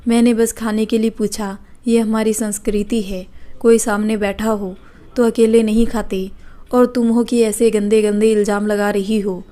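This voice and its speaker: A woman's voice: medium pitch, flat delivery, normal speed, dark tone, natural voice. A woman voicing a cheeky young man on a train who teases and mocks in playful banter. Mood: teasing.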